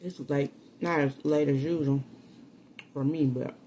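A woman's voice: low-pitched, fairly even intonation, measured pace, mellow. An American woman chatting casually to viewers over a meal, chewing while talking, recorded on a phone in a room at home. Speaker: mukbang vlogger. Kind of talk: casual eating chat. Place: small room at home, indoors. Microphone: phone at arm's length. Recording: faint room noise.

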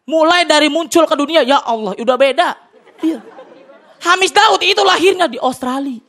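A man from Jakarta with a colloquial Jakarta accent, performing a loud, excitable stand-up routine on a TV studio stage, bursting into shouted punchlines. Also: extremely high pitch, moderate pace, a faint crowd. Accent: Jakarta colloquial Indonesian. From Tanjung Priok, Jakarta, Indonesia. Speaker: stand-up comedian. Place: TV studio stage with live audience. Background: audience laughter.

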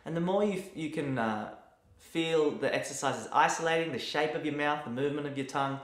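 A man giving a relaxed, chatty music lesson at home, sometimes breaking into sung scales to demonstrate. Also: a little high, brisk, roomy sound. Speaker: piano and music teacher. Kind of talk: casual video lesson. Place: room at home during lockdown. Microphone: mic near the camera.

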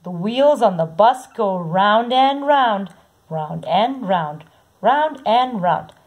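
Slow, husky woman reading a picture book. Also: mid-range voice, animated, highs cut off. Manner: slow, sing-song read-aloud with soft repeated sounds. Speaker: storybook reader.

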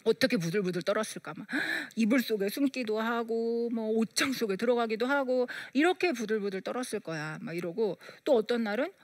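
A woman's voice: on the high side, brisk, hardly any pauses, no echo. A woman giving a lecture on parenting, telling stories and acting out the dialogue in quoted voices. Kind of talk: storytelling lecture.

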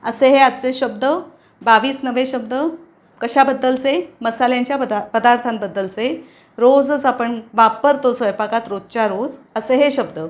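A woman with a slightly high voice gives a patient vocabulary lesson. She repeats each word several times and spells some of them out. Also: normal speed. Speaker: English teacher. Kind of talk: vocabulary lesson with repetition drills.

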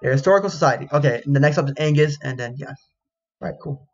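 A man's voice: on the high side, fast, highs cut off, soft background music. A man casually reading a game's dialogue aloud while he plays, swearing, laughing and yelping when something startles him. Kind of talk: casual let's-play commentary.

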